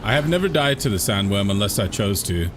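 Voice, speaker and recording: Over some background noise, a man from London with a lowish, very animated voice talks a little fast while streaming a game. He answers his viewers chattily, laughs often and circles back over his own words as he thinks.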